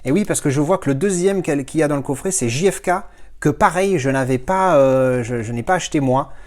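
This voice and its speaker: A man's voice: fairly high pitch, fairly quick, a little mellow. A man from talking casually through an unboxing, rambling with frequent fillers and restarts. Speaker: collector unboxing films.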